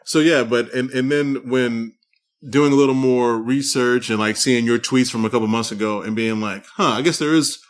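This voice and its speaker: A male podcast host with a mid-pitched voice speaks in a casual way. He stammers and repeats words as he works toward his questions. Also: steady tone, normal speed. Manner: stammering, repeats words while thinking aloud. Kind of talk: casual interview conversation.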